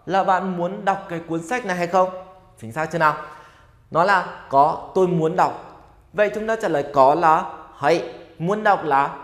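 Man, language teacher, upbeat, questioning students, long room reverb. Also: a little high. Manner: upbeat, asks students questions and has them repeat. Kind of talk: grammar lesson for Vietnamese learners.

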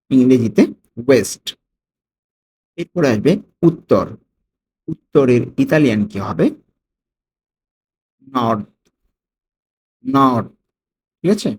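A man teaching a vocabulary lesson, repeating each word slowly and stressing the foreign words. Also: mid-range voice, a little mellow, slightly rough. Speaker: language tutor.

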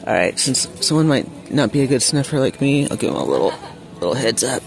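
A woman filming a shop-with-me vlog in a large store on a handheld phone, chatting excitably and reading prices aloud. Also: extremely low pitch, brisk, gravelly. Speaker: vlogger. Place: large indoor retail store. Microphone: handheld phone camera.

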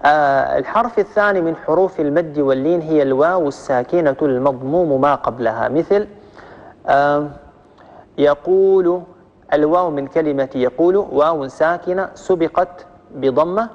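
A man with a Libyan accent gives a patient tajweed lesson, his voice sitting a little high for a man. He goes through each rule step by step and repeats it, stretching out the example words. The sound is dull and hangs in a long hall echo. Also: moderate pace. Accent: Libyan Arabic. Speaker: Quran recitation teacher.

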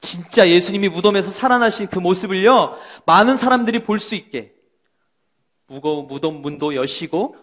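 A man serving as children's pastor, telling a Bible story to children in an animated way and asking them questions. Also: high-pitched, moderate pace. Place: church.

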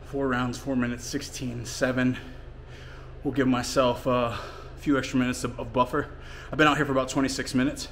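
A man's voice: medium pitch, flat delivery, normal speed, a bit bright, a little hiss or hum. Guy in his home gym, out of breath, talking through a workout with lots of ums. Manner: explains training plainly between efforts, with fillers. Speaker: fitness coach. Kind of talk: casual workout vlog talk. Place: home gym and outdoors in winter.

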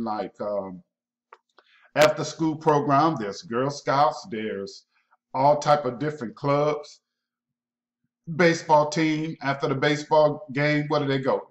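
Pushy man pitching a mail-order flyer. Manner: pushy, repetitive, asks "okay?" often. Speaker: mail-order program promoter. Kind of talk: screen-share sales pitch. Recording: roomy, dull lo-fi sound.

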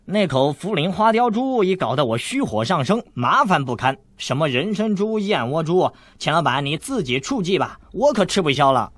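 A man voicing a cheeky, scheming teenage boy eunuch who teases and boasts, in a lively, raised voice. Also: fairly high pitch, moderate pace, few pauses, dry recording, pitched above the performer's own voice. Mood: teasing. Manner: teasing, boastful, playful.

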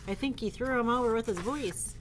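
A woman reading picture books aloud to children, speaking gently and asking them questions. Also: on the high side, a little fast. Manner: gentle, soft, asks the listener questions. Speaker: children's storyteller.

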